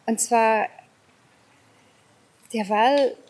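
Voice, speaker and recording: A woman's voice: on the high side, steady tone, very slow, a little mellow, low-quality recording. A middle-aged or older South African woman speaking German with an English accent and Bavarian touches, searching for words in a casual interview. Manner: hesitant, searching for words, repeats phrases. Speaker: interview guest.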